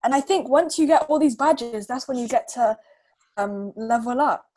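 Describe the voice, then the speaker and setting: A woman with a slightly high, somewhat mellow voice speaks at normal speed. She's an adult reading tutor chatting casually with a child and reading a children's storybook aloud.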